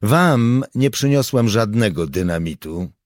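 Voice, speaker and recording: A man voicing a calm, self-assured male volunteer who speaks in a measured, diplomatic way. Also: on the low side, no room sound, clean studio sound, voice pushed up.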